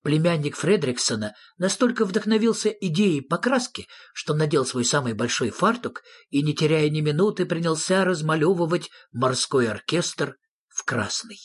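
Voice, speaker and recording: A narrator reading a children's story aloud with expressive storytelling. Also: medium pitch, normal speed, slightly rough.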